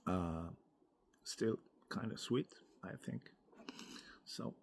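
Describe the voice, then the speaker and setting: A man giving a casual, unscripted product review in a hesitant, halting way, as if thinking aloud. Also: fairly low pitch, gravelly, slight background noise. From Europe. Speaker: pipe tobacco reviewer.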